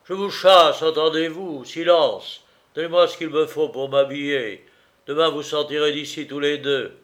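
A man reading aloud voices an angry middle-aged master who barks short, loud orders. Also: a little high, fairly even intonation, normal speed, pitched above the performer's own voice, close to an everyday voice. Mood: furious. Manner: loud, curt, barking orders.

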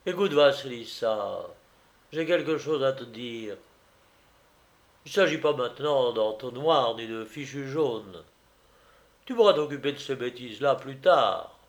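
A man's voice: mid-range voice, expressive, unhurried. A man voicing a vain, touchy young male clerk in love, talking in a fretful, self-important way. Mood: earnest. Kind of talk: audiobook reading.

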